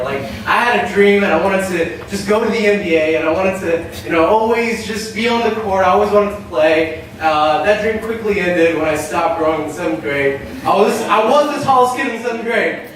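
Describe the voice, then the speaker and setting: A young man raised in Shanghai, giving an animated opening talk at a design meetup, telling personal stories with frequent filler "uh". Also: sits high, distant mic, slight background noise. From Nepal-born, raised in Shanghai, China. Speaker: meetup host and speaker. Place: event space with an audience. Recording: very echoey hall, voice from afar.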